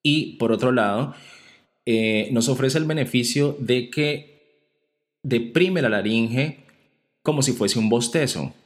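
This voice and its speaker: A man's voice: mid-range voice, takes it slowly. A man giving a singing lesson, explaining vocal exercises step by step, checking in with frequent tag questions and breaking into short sung demonstrations. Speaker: singing teacher.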